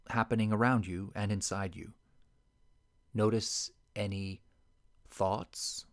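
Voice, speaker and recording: Male meditation guide, lowish voice, unhurried, hushed delivery. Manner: soft, slow and soothing, sometimes sinking to a whisper.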